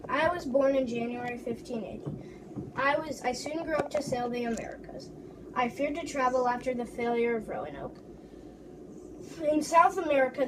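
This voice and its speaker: A proud English explorer, played by a woman, tells his voyage in a halting recital full of restarts. The voice sits a little high. It is caught on a distant mic with clear background noise. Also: close to an everyday voice. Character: English explorer John Smith, proud man. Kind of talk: first-person history presentation.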